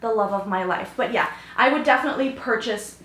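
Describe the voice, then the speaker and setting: A woman's voice: a little high, a little fast, fairly bright tone. A young woman in a casual vlog who is losing her voice, chatting eagerly with many fillers. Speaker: fashion vlogger. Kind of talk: casual chat to camera. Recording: roomy home recording.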